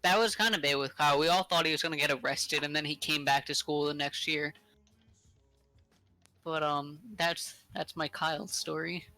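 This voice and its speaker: A man's voice: fairly high pitch, steady tone, normal speed, sharp tone, faint music behind, low-quality recording. A young man co-hosting a podcast, telling a rambling story in casual chat with many fillers. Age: young adult. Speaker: podcast co-host.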